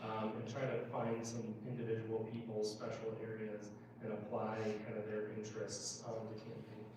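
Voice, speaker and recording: Recorded far from the mic in a very echoey indoor meeting room with noticeable background noise, this clip features a middle-aged man from Minnesota, United States. He's a political candidate fielding questions at a casual town meeting, explaining his points in a level pitch and pausing hesitantly as he goes.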